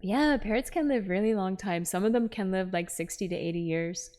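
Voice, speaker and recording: A woman's voice: medium pitch, a little fast, darkish tone. A woman live-streaming a game, chatting with viewers in a playful, giggly way. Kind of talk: live stream chat with game dialogue read aloud.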